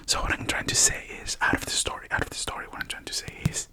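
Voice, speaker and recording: Whispered role-play, hushed library whisper. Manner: halting, soft-spoken explaining with self-corrections. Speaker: ASMR performer playing a librarian.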